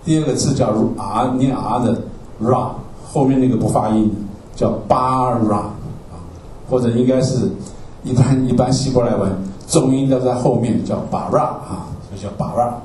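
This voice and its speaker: Here a man teaching a Bible class from slides speaks at normal speed in a medium-pitched, mellow voice. His explanations go word by word and repeat often, with phrases ending in "ah" and regular "okay?" check-ins. The recording is roomy and distant, with faint ambience and slight background noise.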